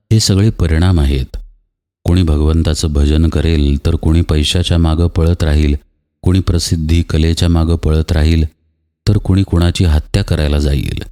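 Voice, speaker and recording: A man's voice: rumbling low, mellow. A man giving a spiritual discourse, patiently explaining with everyday examples and rhetorical questions. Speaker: spiritual teacher. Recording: long hall reverb.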